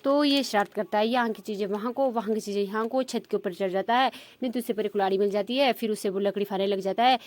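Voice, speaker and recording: A woman's voice: medium pitch, fast, hardly any pauses, darkish tone, no echo. A woman with a Himachali Pahadi accent, chatting to her viewers as a village vlogger in a rambling way full of fillers. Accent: Himachali Pahadi Hindi. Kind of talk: casual chat to viewers.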